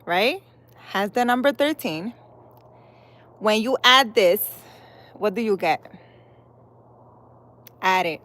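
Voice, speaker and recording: This Dominican spiritual healer chats loosely with her live-stream audience, laughing frequently and dropping in bits of Spanish. She sounds animated and slightly bright at a mid-range pitch, moving slowly with long pauses.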